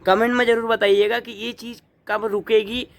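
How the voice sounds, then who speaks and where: Indignant high-voiced man vlogging. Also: little pitch movement, moderate pace, vocal fry. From Uttarakhand, India. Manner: earnest, indignant, asks the viewer rhetorical questions. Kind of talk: opinion commentary to camera.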